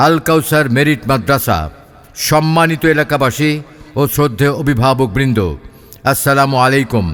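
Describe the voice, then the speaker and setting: A man reading a formal admissions announcement through a loudspeaker in a measured, repetitive promotional way. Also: on the high side, in a large hall. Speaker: advertisement announcer.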